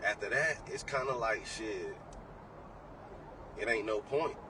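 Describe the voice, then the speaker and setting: A man's voice: on the low side, expressive, slow pace. A man in his late twenties talking as a podcast guest, blunt and profane, preaching hard-won advice. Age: 20s. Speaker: trading educator guest. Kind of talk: casual podcast talk. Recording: distant mic with faint background noise.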